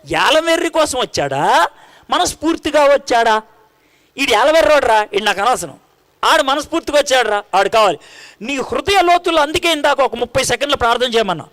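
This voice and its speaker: A man's voice: very high-pitched, animated, fairly quick, a bit bright. A man preaching a sermon, telling the story animatedly, acting out the dialogue and putting questions to his congregation.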